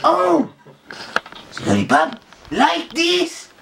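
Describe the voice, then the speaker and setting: A pet video creator gleefully putting on a silly voice for a pet bird, in excitable, joking chatter. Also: medium pitch, slow pace, vocal fry. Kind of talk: playful pet-voicing vlog chatter. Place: indoors at home with pet birds. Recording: distant mic with loud background noise.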